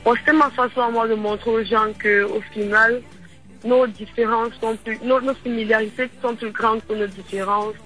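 A Cameroonian woman with a foreign accent in her French speaks as a radio guest. Her voice is very bright and fairly even in pitch. She feels her way through answers, repeating and rewording, with faint music behind her. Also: low-quality recording. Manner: halting, repetitive French with rephrasing. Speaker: guest singer.

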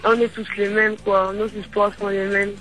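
A Cameroonian woman with a foreign accent in her French speaks as a radio guest. Her voice is very bright and fairly even in pitch. She feels her way through answers, repeating and rewording, with faint music behind her. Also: low-quality recording. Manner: halting, repetitive French with rephrasing. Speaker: guest singer.

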